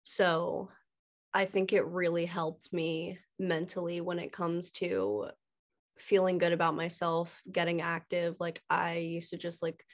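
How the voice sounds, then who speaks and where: A woman's voice: lowish voice, flat delivery, unhurried. A young woman chatting in an interview, talking earnestly with lots of casual fillers. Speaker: guest.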